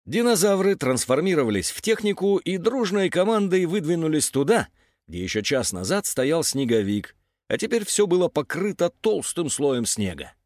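A man narrating a children's story in an animated storytelling manner. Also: a little high, normal speed, dry recording, studio quality.

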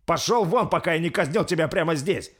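A man's voice: medium pitch, very animated, moderate pace, pitched above the performer's own voice. A man voicing an arrogant young prince who speaks down to his lords. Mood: haughty. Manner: haughty, commanding. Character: young male prince on a throne, arrogant, quick-tempered.

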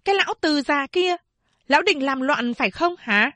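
A woman voicing a furious, shrewish woman official who scolds in shrill, rapid accusations. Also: expressive, pushed and bright, no echo.

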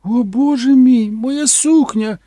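A man's voice: extremely high pitch, animated, a little slow, vocal fry, a little mellow, dry recording, clean studio sound, pitched above the performer's own voice, exaggerated voice. A man doing a shrieking furious actress woman. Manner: shrieking, scolding. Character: shrill furious glamorous film actress woman. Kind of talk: audiobook character voice.

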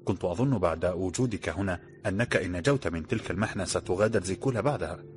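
A man's voice: sits low, fast talker, natural voice. A man reading as an anxious, sorrowful stranger. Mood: sad. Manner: pleading, sorrowful. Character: stranded man from another land, anxious and sad.

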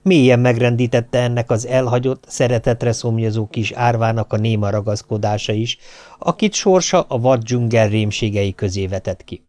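A man giving a steady, measured audiobook narration. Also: mid-range voice, dry recording. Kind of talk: scripted narration.

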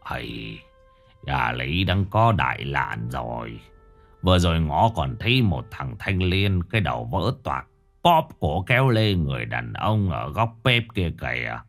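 A man voicing an old male village sorcerer who speaks in a slow, low, stammering, half-whispered way. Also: very animated, a bit bright, soft background music, full character voice. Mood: dread.

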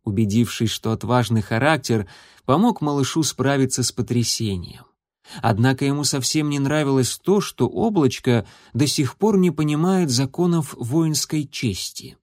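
A man reading a children's animal adventure story aloud as narrator in an even storytelling delivery. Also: medium pitch, moderate pace, no room sound. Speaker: audiobook narrator. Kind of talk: scripted narration. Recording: dry close recording.

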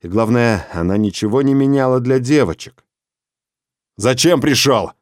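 A man's voice: medium pitch, a little fast, darkish tone, smooth, no echo. Male audiobook narrator, dry and close.

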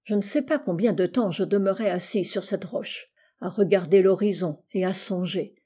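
A woman reading a classic novel aloud as an audiobook, in a measured, even way. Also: mid-range voice, breathy edge. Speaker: audiobook reader. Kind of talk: scripted literary narration.

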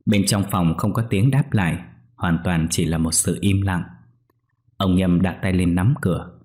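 Man, ghost-story narrator, somber, steady, deep, mellow tone. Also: measured pace. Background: faint music.

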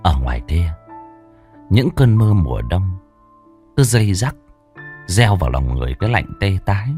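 A man's voice: low voice, big pitch swings, normal speed, mellow, soft background music. A man narrating a ghost story in a dramatic, mournful storyteller's manner.

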